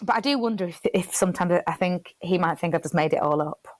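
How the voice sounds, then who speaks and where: A young British woman, a playwright and theatre director, chats casually in an interview, rambling with plenty of fillers and restarts. Her voice is on the low side and quick, with no echo.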